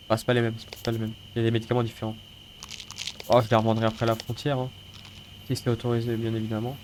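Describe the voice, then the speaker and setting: Congested man commentating a game over noise. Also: mid-range voice. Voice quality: stuffy, congested nose with sniffling. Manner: colloquial, sweary, mock-grumbling. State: has a head cold. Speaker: gaming video host. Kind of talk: casual let's-play commentary. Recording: noisy, engine and rattling mechanical game sounds. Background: game car engine and mechanical clatter.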